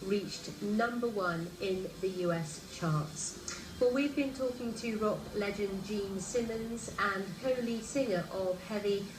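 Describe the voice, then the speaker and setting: A woman news presenter reading the news in a measured, formal way. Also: medium pitch, noisy background. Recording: roomy, with music underneath.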